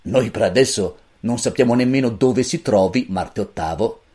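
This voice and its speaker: A woman voicing a calm, middle-aged male professor and father who speaks slowly in measured, dry remarks, in a storybook reading. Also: very deep voice.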